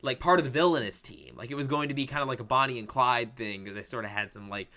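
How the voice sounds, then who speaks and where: A man's voice: mid-range voice, quick pace, sharp tone. A man co-hosting a podcast, recapping a movie in casual, profane, rambling chat that keeps breaking into laughter. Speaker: podcast co-host.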